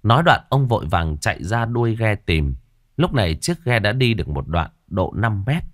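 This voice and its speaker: Male narrator, lowish, animated, dry booth sound. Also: normal speed, no room sound. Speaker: audiobook narrator. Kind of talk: storytelling narration.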